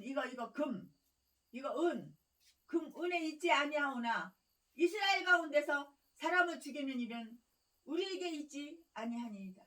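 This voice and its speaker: A woman pastor delivers a fiery, scolding sermon, hammering on repeated phrases and breaking into harsh, angry rants full of insults. Her voice is high-pitched and fairly bright, picked up from far from the mic.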